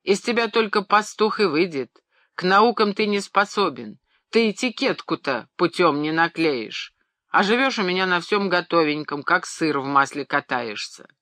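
An audiobook reader voicing a pompous, excitable middle-aged male pharmacist who shouts and rants in outrage, raising the voice high and loud. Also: normal speed, no room sound. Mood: furious ranting. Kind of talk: audiobook character reading.

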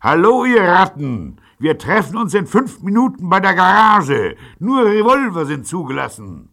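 An audiobook narrator voicing a hot-headed boy who shouts high and harsh. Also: sing-song, a little slow. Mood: shouting.

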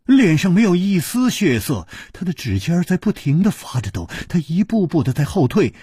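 A man's voice: normal speed, slightly rough, no echo, studio quality. A man telling a martial-arts story in a vivid traditional storytelling style. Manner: vivid, highly animated.

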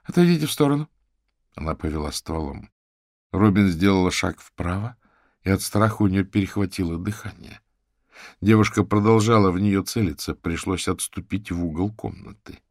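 A man reading an audiobook in steady scripted narration. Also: deep voice, moderate pace, no echo, clean studio sound.

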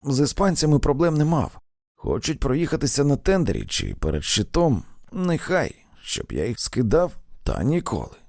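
A man's voice: medium pitch, wildly swooping pitch, moderate pace, vocal fry, a little mellow, dry recording, clean studio sound. A man reading an audiobook, voicing a male railroad engineer who tells of his adventures and keeps bragging about his luck. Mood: boastful. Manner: storytelling, boastful of his luck.

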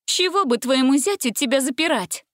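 A feisty young girl, scared and fed up, pleading in a high, strained voice, played by a woman narrator. She sounds close and dry, like a storybook reading. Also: expressive, a little fast, dry recording. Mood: startled.

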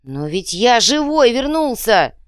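Woman doing a shouting, whiny goblin fighter. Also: a little high, expressive, moderate pace, clean tone, no room sound, studio quality, pitched above the performer's own voice, natural voice. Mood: hungry, shouty. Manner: crude, yelling, whiny. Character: hungry scrappy male goblin-like fighter.

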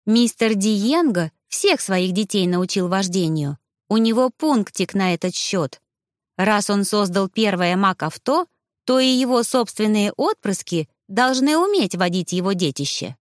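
A woman voicing an eager, timid young female friend who talks in a bright, gushing way. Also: mid-range voice, expressive, a little slow, no echo, studio quality, lightly acted.

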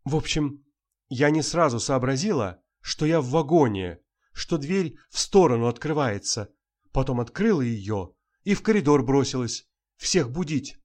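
A man's voice: mid-range voice, lively intonation, moderate pace, darkish tone, voice pushed up, close to an everyday voice. A man voicing a frightened young actress who pleads breathlessly, near tears. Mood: shaken.

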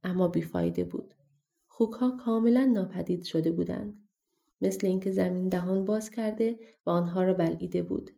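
A woman narrating a fairy-tale audiobook in a steady, even storytelling manner. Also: fairly low pitch, vocal fry.

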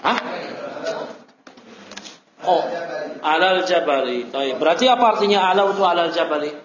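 A man's voice: on the high side, normal speed, crowd noise. A man teaching a classroom lecture on Arabic grammar, explaining step by step, repeating terms and quizzing his students. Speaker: Islamic teacher. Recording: roomy, dull lo-fi recording.

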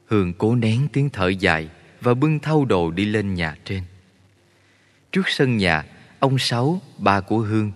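Narrator: man, low and measured, reverberant sound. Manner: steady, measured storytelling. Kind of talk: audiobook story narration. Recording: long reverb.

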